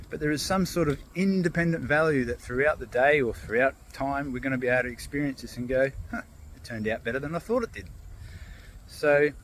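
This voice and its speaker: Walking outdoors, a man who makes motivational vlogs tells a fable casually and muses on feelings in a medium-pitched voice, with slight hiss or hum in the background. He sounds relaxed and unpolished, dropping fillers and restarting sentences.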